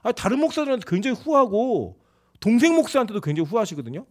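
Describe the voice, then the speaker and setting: A man in his forties, a pastor, preaching a sermon in an animated, conversational way and acting out quoted exchanges. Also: sits high, fast talker. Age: 40s. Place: church sanctuary.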